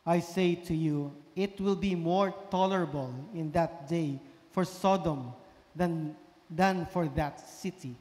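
Guy doing a solemn gospel reading at mass, high voice, big cathedral echo, really slow. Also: a little mellow. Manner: solemn, measured. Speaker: minister proclaiming the gospel at Mass. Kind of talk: formal liturgical scripture reading. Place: large church sanctuary, indoors. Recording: cathedral echo, long church reverb.

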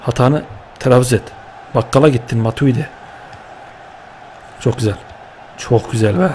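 A young man giving lively, excitable commentary while playing a football video game, cheering and scolding his players with slang. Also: mid-range voice, moderate pace, slight background noise. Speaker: gaming YouTuber.

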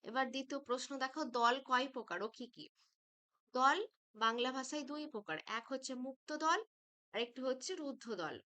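A woman teaching a school grammar lesson, patient and slow, stretching out syllables as she breaks words apart. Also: high voice, expressive, bright, forceful tone, smooth.

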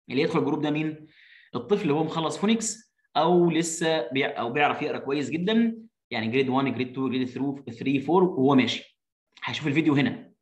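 A man with an Egyptian Arabic accent giving an online English lesson, reading English lines slowly and translating them, repeating his points. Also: mid-range voice. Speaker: English teacher. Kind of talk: online lesson for parents and children. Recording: echoey room.

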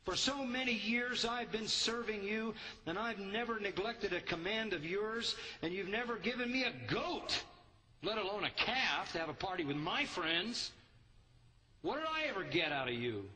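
Bitter elder brother, a man doing the voice, pitched up, strained and indignant. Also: expressive, moderate pace, pushed and bright, big-room sound, slight background noise, exaggerated voice. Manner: indignant, high, strained complaint.

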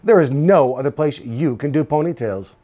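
A patient storybook mother, read by a man at his own medium pitch. She questions her daughter in a measured, doubtful way and lays things down firmly. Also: expressive, mellow.

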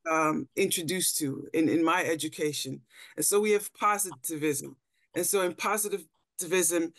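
Her voice sits fairly low, and the recording is dry. She is a middle-aged Dutch anthropologist and panel speaker presenting a thoughtful slide talk via video call indoors, often repeating words as she works out how to say things.

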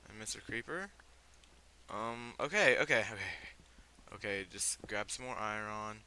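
A man's voice: lowish voice, unhurried, sharp tone, slight background noise. A teenage boy with a fever giving casual, rambling commentary on his game, full of fillers and startled reactions. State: sick with fever. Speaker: gamer.

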